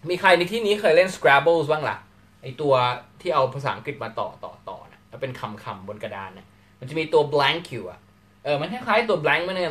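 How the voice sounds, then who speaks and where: A man from Thailand giving a live English lesson in a slightly higher-than-average voice. He talks animatedly and acts out quick little question-and-answer exchanges for the class. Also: fairly bright tone. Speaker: English teacher.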